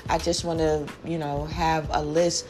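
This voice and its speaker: Music plays in the background as a vlogger and small business owner in her forties talks casually with her viewers, somewhat rambling and full of fillers. She speaks in a low voice with a level tone and a measured pace.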